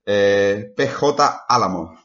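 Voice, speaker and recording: Crude low-voiced podcast host. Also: male voice, a bit bright. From Ciudad Real, Spain. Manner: crude, joking, drawn-out fillers. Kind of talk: casual banter, reading listener comments. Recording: dull lo-fi podcast audio.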